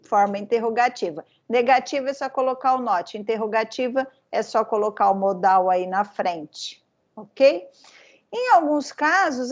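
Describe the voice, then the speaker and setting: A woman's voice: on the high side, darkish tone. A Brazilian woman teaching English grammar in a class, explaining patiently and checking in often with her students. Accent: Brazilian Portuguese. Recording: muffled lo-fi class recording.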